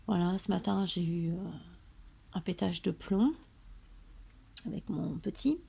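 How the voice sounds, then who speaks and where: A woman's voice: fairly low pitch, a little slow, gravelly, dark tone, slightly rough. A woman hosting a home papercraft tutorial, drowsy and tired, chatting in a rambling way with lots of fillers. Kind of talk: casual tutorial chat. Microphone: camera on a tripod.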